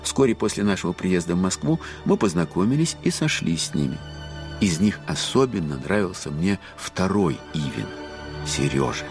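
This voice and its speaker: An actor playing a grown man wistfully recalling his boyhood, in reflective, measured literary narration. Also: low-pitched, sing-song, darkish tone, faint music behind.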